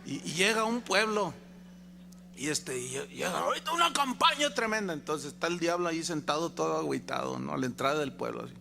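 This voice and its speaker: A man's voice: on the high side, animated, a little fast, creaky, bright, forceful tone, slight background noise. A male pastor with a Mexican accent preaching a sermon, emphatic and full of rhetorical questions to the congregation. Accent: Mexican Spanish.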